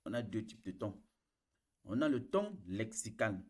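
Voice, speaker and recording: A man teaching a language lesson, explaining slowly, repeating each point and demonstrating tones aloud. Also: lowish voice, big pitch swings, a little mellow. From Cameroon. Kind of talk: classroom lesson.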